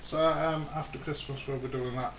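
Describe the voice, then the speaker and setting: A British hobbyist hosts a DIY vlog, explaining things casually in a hesitant, rambling way that often trails off. His mid-range voice keeps a fairly even intonation at a moderate pace. The home-video recording is echoey and clearly noisy.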